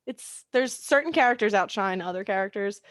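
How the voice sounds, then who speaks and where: A woman's voice: mid-range voice, expressive, fairly quick, no room sound, studio quality. Chatty young woman podcast co-host. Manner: chatty, giggly, rambling asides. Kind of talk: casual chat.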